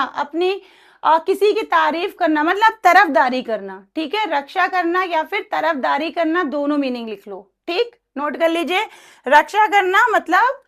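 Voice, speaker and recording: Woman, bright high voice, patient teacher repeating words for pronunciation. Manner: mixes Hindi and English, repeats each verb form slowly; careful pronunciation drills. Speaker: English teacher. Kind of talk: spoken grammar lesson.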